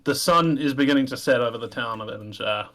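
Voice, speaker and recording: A man's voice: mid-range voice, fast talker, fairly bright tone. Easygoing male game master. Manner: casual, easygoing narration. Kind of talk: narrating a tabletop game.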